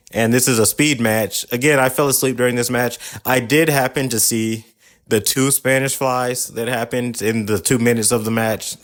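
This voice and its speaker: A man hosting a podcast, giving a casual recap of a wrestling show in an exasperated, sarcastic, rambling way. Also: medium pitch. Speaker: podcast host.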